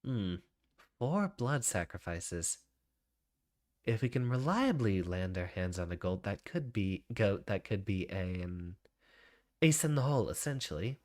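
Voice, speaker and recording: A man's voice: lowish voice, big pitch swings, unhurried, a little mellow. A man giving casual commentary as he plays a card game, boastful and thinking aloud. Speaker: streamer playing a card game. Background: music.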